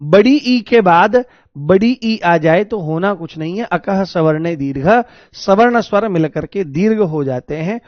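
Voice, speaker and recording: A high-voiced man leads an exam-prep grammar lesson. He explains each step, repeats the key words and calls out questions to his students. The sound is dry and slightly dull. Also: expressive, a little slow, dry recording. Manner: addresses students as "babu" and "babuji". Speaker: Hindi teacher.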